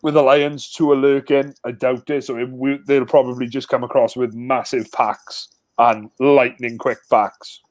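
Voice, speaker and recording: A man co-hosting a casual live rugby stream, giving his views in relaxed, teasing banter. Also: medium pitch, measured pace, few pauses, no room sound. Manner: laid-back, teasing banter. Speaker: co-host.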